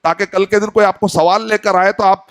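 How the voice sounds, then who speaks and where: A man's voice: high-pitched, steady tone, no echo. A man in his forties from Hyderabad, India, giving a sermon in an earnest teaching tone, posing questions and acting out short dialogues. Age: 40s. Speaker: Islamic preacher.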